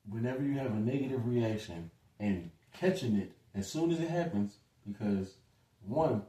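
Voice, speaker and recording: Mellow low-voiced man, roomy and distant. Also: gravelly. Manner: conversational and loose, with many asides and fillers. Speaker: speaker giving a short lecture. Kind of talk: casual spoken lecture. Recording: roomy echo, distant from the mic.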